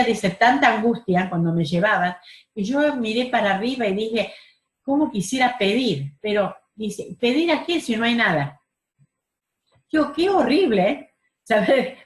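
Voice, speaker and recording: A woman's voice: fairly low pitch, reverberant. A woman teaching a Bible study class over a video call, earnest, stressing key words and asking rhetorical questions.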